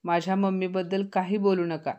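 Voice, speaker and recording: A woman's voice: on the low side, little pitch movement, brisk, mellow, highs cut off, close to an everyday voice. A woman voicing an angry little boy who defends his mother. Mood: defiant. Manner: defiant.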